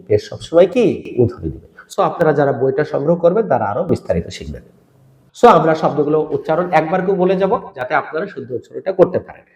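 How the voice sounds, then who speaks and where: A man from Bangladesh teaching Quran reading, asking and answering his own questions in an energetic recorded lesson with spoken drills. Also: on the high side, reverberant.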